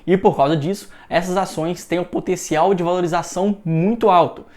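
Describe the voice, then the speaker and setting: A young Brazilian man hosting an investment channel, explaining the market in an energetic, persuasive scripted talk. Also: sits high, brisk. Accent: Brazilian Portuguese. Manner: energetic, persuasive, many fillers like "realmente".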